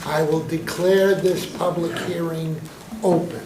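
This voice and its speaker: A man runs a town council meeting, calling motions and votes briskly and genially. His voice sits a bit high, and it echoes around a council chamber with steady background noise. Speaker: council chair.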